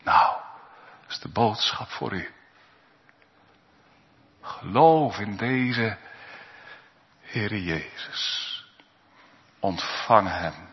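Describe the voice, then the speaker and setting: A man preaching in a church, his voice swelling from quiet, drawn-out phrases into loud, high emphatic peaks. The sound is dull and lo-fi, with a long reverb hanging in the hall. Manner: solemn, emphatic preaching with sudden rises in pitch and volume. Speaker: pastor. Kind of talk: sermon.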